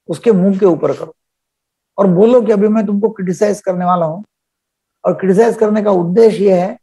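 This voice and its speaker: A man's voice: high-pitched, creaky, a little mellow, breathy edge. An older man, a psychiatrist leading a live webinar over a video call, explaining by acting out little dialogues.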